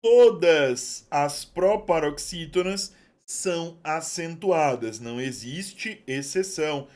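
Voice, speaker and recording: Young male teacher, slightly high voice, chatty exam-prep style, stretches key terms. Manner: chatty and affectionate, drawn-out stresses on key terms. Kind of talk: online exam-prep lesson.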